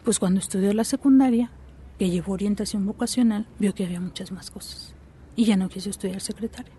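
A woman's voice: mid-range voice, fast talker, dark tone, slightly rough. A woman, a psychologist answering interview questions in a reflective, explanatory way, often checking in with short tag questions.

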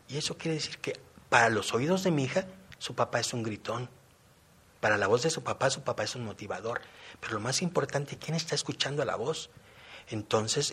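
A middle-aged man gives a personal testimony in a husky, slightly breathy voice. His pitch sits in an ordinary middle range. He talks in a reflective way and explains his ideas through everyday examples. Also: fairly bright tone. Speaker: participant in a men's non-violence program.

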